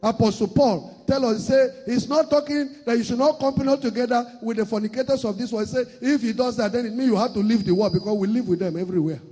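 A man with a Nigerian accent preaching a sermon as pastor, swinging between shouted declarations and soft asides. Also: very high voice, fast, hardly any pauses, breathy edge, long reverb tail, soft background music. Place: church.

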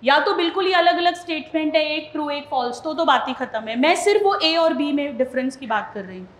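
A woman teacher with a high voice talks a class through a study method step by step. She stops often to check that her students follow. The room is echoey around her. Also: lively intonation, a little fast. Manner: explains step by step, asks students if they follow. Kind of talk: classroom lesson.

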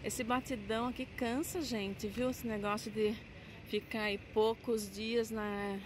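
A woman's voice: fairly high pitch, fairly even intonation, unhurried. Chatty Brazilian woman vlogging on the street. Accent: Brazilian Portuguese. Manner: chatty, enthusiastic, addresses viewers as "gente". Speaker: travel vlogger. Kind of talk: casual walking travel vlog. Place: outdoors on city streets. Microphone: handheld camera at arm's length. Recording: street traffic noise behind.

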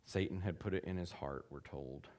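A man preaching a sermon, acting out the quotes in his text with big jumps in voice and chuckling between points. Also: moderate pace. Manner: animated, acts out quotes with big pitch jumps. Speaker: pastor.

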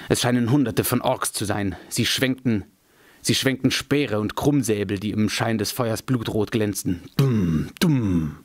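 A man reading a fantasy novel aloud in a measured, dramatic storytelling manner. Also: lowish voice, no echo, studio quality. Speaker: audiobook reader.

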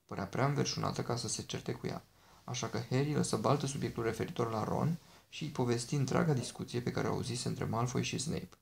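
A man narrating an audiobook in a steady, measured storytelling manner. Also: medium pitch, gravelly. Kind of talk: audiobook reading.

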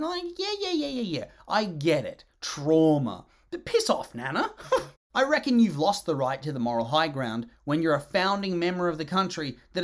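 A host of a movie review channel talks through a film in a loose, casual way. The voice rides up and down with a very lively pitch, mocking one moment and gushing the next, and it is blunt and sarcastic, with plenty of swearing. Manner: swings between gushing excitement and mocking disgust.

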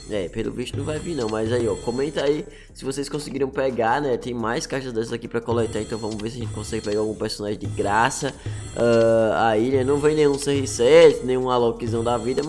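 A Brazilian man giving casual, chatty, slangy gaming news, his voice slightly choked by swollen, inflamed tonsils or throat. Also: mid-range voice. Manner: chatty, slangy, peppering sentences with tags. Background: music.

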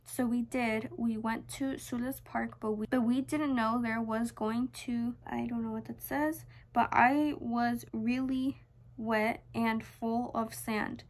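A woman's voice: fairly high pitch, steady tone, takes it slowly. A young woman reading her childhood diary aloud in an embarrassed, amused, self-mocking manner, with casual asides. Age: young adult. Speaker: vlogger. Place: small bedroom, indoors.

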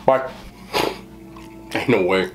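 A man's voice: deep voice, takes it slowly, a little hiss or hum. A man chewing while talking as he eats on camera, a slangy mukbang vlogger who keeps repeating short exclamations. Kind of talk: casual chat to camera.

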